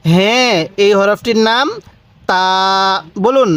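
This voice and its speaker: A man's voice: high-pitched, takes it slowly, fairly bright tone, clean tone. A man teaching Arabic letters step by step, patiently repeating each one for the viewer to echo. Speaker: Quran reading teacher.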